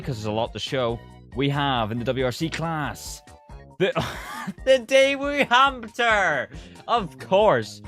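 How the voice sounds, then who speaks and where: A man's voice: mid-range voice, a bit bright. A young man streaming live to his chat over a headset mic. He talks casually, swears freely and speaks straight to his viewers.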